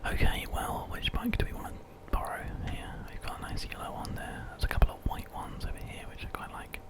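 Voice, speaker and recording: This is a British gamer doing ASMR, his breathy whisper very close to the mic. His game commentary stays soft and never rushed.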